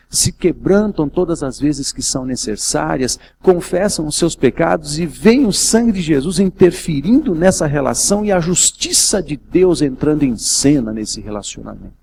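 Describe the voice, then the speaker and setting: A man's voice: a little high, gravelly, darkish tone, slight background noise. A man from Brazil preaching a sermon as a pastor, telling a personal story and rising to emotional intensity. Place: event hall.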